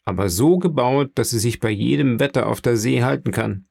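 A man's voice: medium pitch, brisk, vocal fry, a little mellow, slightly rough, no echo, clean studio sound. A man voicing a grown sailor who answers respectfully and evasively. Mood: guarded. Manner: respectful, addresses his listener formally. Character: adult male sailor, guarded and evasive.

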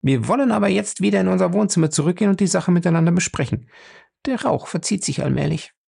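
A man reading a storybook voicing a sharp-witted young woman who argues fast and incredulously. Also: lowish voice, expressive, gravelly, husky, voice pushed up, heavily acted. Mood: argumentative. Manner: quick, incredulous, argumentative.

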